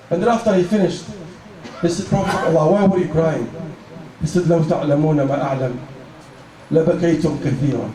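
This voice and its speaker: A man's voice: high-pitched, darkish tone. A man preaching a sermon in an emphatic way, asking rhetorical questions and reciting verses. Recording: echoey hall, voice from a distant mic.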